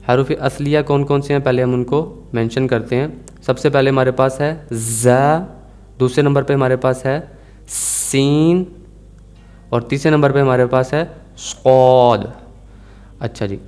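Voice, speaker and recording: A man teaching Quranic letter pronunciation in an Urdu accent, drilling each sound slowly over and over. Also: mid-range voice, darkish tone, clear, resonant tone. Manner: slow, repeats letters and words for drilling. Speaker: tajweed teacher. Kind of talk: recorded Quranic pronunciation lesson.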